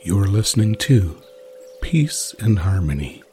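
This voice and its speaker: Low male voice doing sleep story meditation narration, soothing n really slow, lots of pauses. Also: very animated, mellow, slight background noise. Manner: soothing, unhurried, with long pauses.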